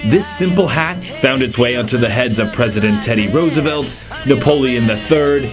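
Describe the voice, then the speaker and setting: Casting: male podcast host, mid-pitched, presenting and interviewing for a museum show. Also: moderate pace, over music. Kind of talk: scripted intro and casual interview.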